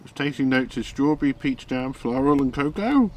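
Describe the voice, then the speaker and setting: A man chatting away on a live stream as he cooks outside, rambling with plenty of ums and easy laughs. His pitch swings widely, and faint noise hangs in the background. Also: lively intonation, moderate pace, a little mellow. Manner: rambling, chatty, many fillers, laughs often. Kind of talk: casual live-stream chat while cooking. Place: outdoors in a garden.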